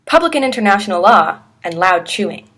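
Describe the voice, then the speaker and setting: A woman's voice: mid-range voice, very animated, brisk, a bit bright. Woman presenting a scripted opinion piece. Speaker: host of a talk segment.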